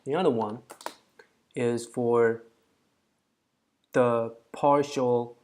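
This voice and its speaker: A man's voice: mid-range voice, steady tone, extremely slow, darkish tone. A man hosting a coding challenge, casually thinking aloud as he walks through a problem, counting out digits and correcting himself.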